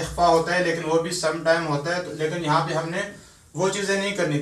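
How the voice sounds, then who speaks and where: A man teaches tajweed to beginners. He is patient and spells out each sound slowly, syllable by syllable. The recording is echoey, with the mic at some distance from him. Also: sits high, fairly bright tone, a little hiss or hum. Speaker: Quran teacher.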